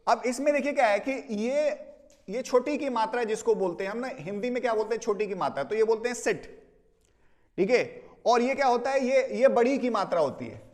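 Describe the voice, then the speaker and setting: A man's voice: very high-pitched, expressive, fairly quick, darkish tone, long reverb tail. A man with an Indian accent, teaching an English pronunciation lesson and checking in often with his students. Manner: explains with repeated "theek hai" check-ins, mixing Hindi and English.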